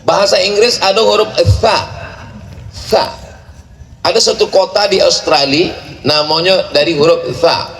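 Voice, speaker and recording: A man preaching to a large gathering, playful and joking, rattling off rapid chanted recitation. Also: sits high, steady tone, fairly bright tone. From Indonesia. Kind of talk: sermon at a large religious gathering. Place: large outdoor or hall gathering at a boarding school. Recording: echoey venue with faint ambient noise.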